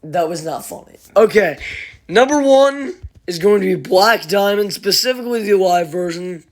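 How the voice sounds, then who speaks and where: A man's voice: sits high, animated, normal speed. A teenage man hosting a podcast with his father, talking eagerly and rambling with lots of fillers. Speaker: podcast host. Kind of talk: casual chat.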